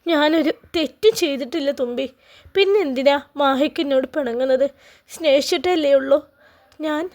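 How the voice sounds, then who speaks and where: A woman's voice: high-pitched, normal speed, a little mellow. A woman voicing a grieving young wife who pleads tearfully as she waits for her husband, with a Malappuram Malayalam accent. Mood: pleading.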